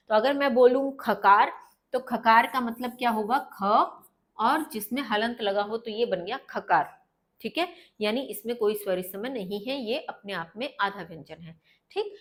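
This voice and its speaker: A woman teaching a textbook lesson, pitched a little high. She goes through it word by word, repeating each gloss in a patient explanatory voice. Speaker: Sanskrit teacher.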